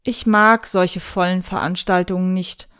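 A woman voicing a young male apothecary teacher who talks in a quiet, weary way. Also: on the low side, steady tone, clean tone, voice pushed down. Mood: calm. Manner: soft, weary, slow.

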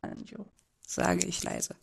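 A woman's voice: on the low side, fairly even intonation, normal speed, creaky, darkish tone, breathy edge, exaggerated voice. A woman voicing a timid, bullied teenage boy who narrates his own story in an amateur audio drama, in a hesitant, subdued way.

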